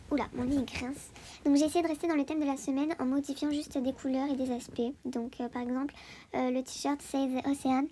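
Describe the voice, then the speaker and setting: A woman's voice: high voice, warm tone, a little hiss or hum. A woman giving a casual voice-over for her video, chatty and full of hesitations and fillers. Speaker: video host.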